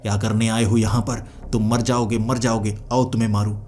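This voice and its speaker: A man's voice: on the low side, little pitch movement, brisk, a little mellow, slight background noise, lightly acted. A man voicing a crazed ancient spirit. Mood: threatening. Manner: singsong nonsense phrases, threatening. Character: ancient eccentric male yaksha spirit, gruff and erratic.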